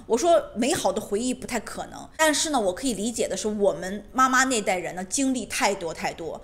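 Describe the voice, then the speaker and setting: A woman's voice: mid-range voice, expressive, fairly quick, fairly bright tone. A woman giving a casual monologue to camera at home, emphatic and repetitive, often asking rhetorical questions. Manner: emphatic, repeats phrases, asks rhetorical questions. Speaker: lifestyle vlogger on decluttering. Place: her home.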